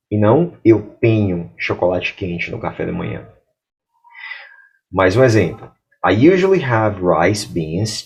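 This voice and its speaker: A Brazilian Portuguese-speaking man teaching English grammar, explaining clearly and reading English example sentences slowly. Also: on the low side, dull audio.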